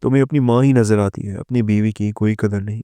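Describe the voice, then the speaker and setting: A man's voice: on the low side, steady tone, warm tone, clean tone, no echo, lightly acted. A man reading as a paranoid, terrified young wife. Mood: frantic.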